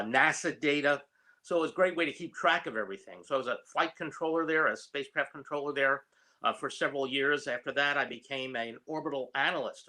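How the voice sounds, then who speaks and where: A man in his seventies from New York telling his career story in an unhurried way, with many ums. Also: medium pitch, bright, forceful tone. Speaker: guest, retired space engineer.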